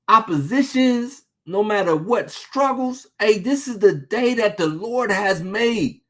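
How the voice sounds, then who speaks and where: A man preaching an informal sermon, reading scripture slowly and talking to listeners in a street-casual way, full of rhetorical questions. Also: high-pitched. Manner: reads scripture slowly and deliberately.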